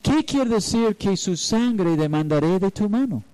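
A man's voice: high voice, expressive, measured pace, mellow, poor audio. A man preaching as a pastor, telling a personal story and acting out the voices in it. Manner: storytelling, acts out quoted voices. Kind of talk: sermon.

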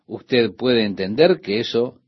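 A man with a husky, somewhat breathy voice gives an earnest Bible teaching on the radio and speaks straight to the listener. His voice sits at an ordinary pitch for a man. The audio is dull and lo-fi, like an old broadcast. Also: lively intonation, slow. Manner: earnest, addresses the listener directly.

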